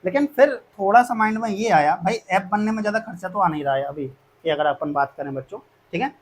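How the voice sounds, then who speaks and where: A man with a notably high-pitched voice speaks to his students like a teacher. He explains plans step by step, often circling back and repeating himself to reassure them. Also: a little fast, slight background noise. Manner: repetitive, reassuring, addresses students as kids. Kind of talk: explaining course fees to students.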